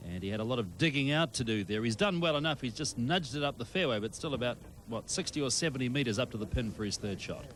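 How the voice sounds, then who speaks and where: A man's voice: mid-range voice, lively intonation, quick pace, few pauses, a bit bright. A man giving live golf commentary as a tournament broadcaster. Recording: clear crowd and outdoor noise. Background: golf tournament crowd.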